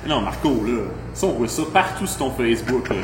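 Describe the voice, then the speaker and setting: A man with a Québécois French accent pitching the show while laughing along. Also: lively intonation, fairly quick, echoey room, noisy background.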